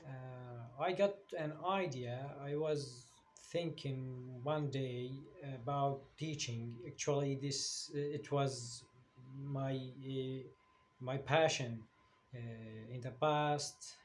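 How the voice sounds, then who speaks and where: A man's voice: medium pitch, slow pace. A man from Syria, an English teacher, introducing his new channel in English as a second language, with frequent fillers and restarts. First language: Arabic. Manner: hesitant, many fillers and restarts. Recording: faint background noise.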